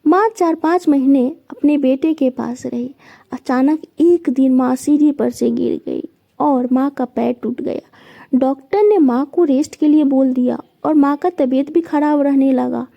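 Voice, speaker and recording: A woman's voice: high-pitched, measured pace, creaky, highs cut off. A woman narrating a moral family story in a plain, simple retelling style.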